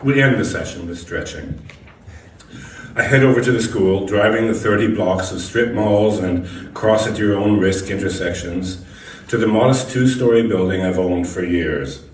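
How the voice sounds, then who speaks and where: A man with a lowish voice reads a first-person short story aloud at a moderate pace, occasionally stumbling over a word in this scripted narration. The recording has a distant mic in an echoey room with background noise.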